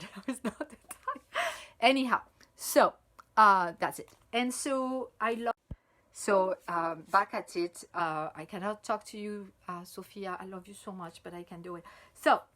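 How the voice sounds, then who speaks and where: A woman from France with a French accent, a native French speaker, chatting casually as she reviews chocolate on video, thinking aloud with plenty of fillers and breaking into excited exclamations. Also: medium pitch.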